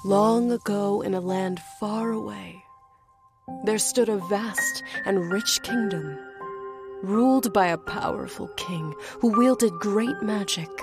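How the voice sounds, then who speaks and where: Woman playing mystical wandering sage, cartoon fable narration, slow, grandiose, archaic, breathy whispers, loud music behind. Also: medium pitch. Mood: solemn, foreboding. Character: solemn mystical wandering storyteller, windblown and prophetic.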